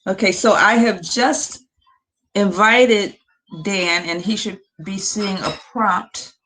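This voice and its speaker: A woman's voice: mid-range voice, steady tone, takes it slowly, a bit bright, poor audio. A woman on a video call hosting an informal webinar, speaking in a patient, encouraging and somewhat hesitant way. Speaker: host of an online webinar. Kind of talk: informal live webinar hosting, talking a guest through screen sharing.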